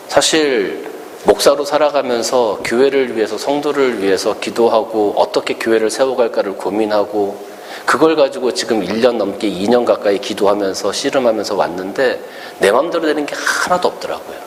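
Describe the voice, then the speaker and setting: A male pastor tells a Bible story in a mid-pitched, lively voice, acting out the characters as he goes. His voice carries a long reverb in a church hall, with faint background noise. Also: moderate pace. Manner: animated, acts out the characters' words. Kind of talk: storytelling sermon.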